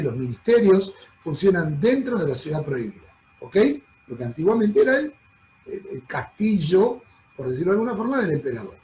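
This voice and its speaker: Rioplatense spanish guy giving a travel talk with slides, fairly high voice, keeps asking "ok?". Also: dark tone, low-quality recording. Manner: chatty, addresses audience as "chicos"; explanatory, frequent "¿ok?" check-ins. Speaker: travel presenter.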